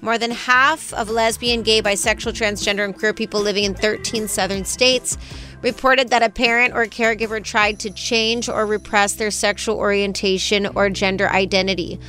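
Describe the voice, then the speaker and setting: A woman co-hosting a morning show, excitable in chat and steady when reading the news. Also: mid-range voice, moderate pace, faint music behind. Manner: excitable, dramatic. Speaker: co-host.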